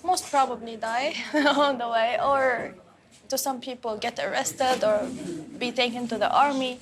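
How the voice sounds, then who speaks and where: A woman's voice: on the high side, fairly even intonation, unhurried, a crowd in the background. A young woman from Syria, talking frankly in a cafe and laughing often. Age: young adult. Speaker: interviewee. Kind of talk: casual conversation. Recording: music playing behind.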